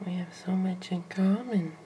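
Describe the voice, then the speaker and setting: A young woman filming a pet lizard, often whispering gently and giggling as she coaxes it. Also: lowish voice, normal speed, a little hiss or hum. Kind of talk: casual home video narration.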